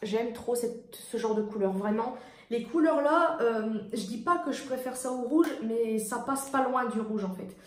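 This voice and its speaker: A woman's voice: a little high, moderate pace. A French woman chatting casually through a haul video, rambling with lots of fillers while she tries on and swatches lipsticks. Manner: chatty, rambling, frequent fillers and self-corrections. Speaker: beauty vlogger. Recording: echoey room.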